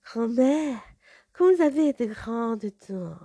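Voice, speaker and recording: A woman's voice: animated, slow pace, dry recording, full character voice. Woman doing a small innocent girl in red. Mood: wondering. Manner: high, bright and childlike.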